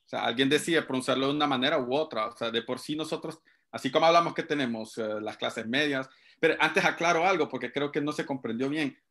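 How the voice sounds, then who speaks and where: Guest linguist, man, mid-pitched, talks students through it plainly. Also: fast, fairly bright tone. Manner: explanatory, addresses listeners directly. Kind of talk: conversational lecture to a class.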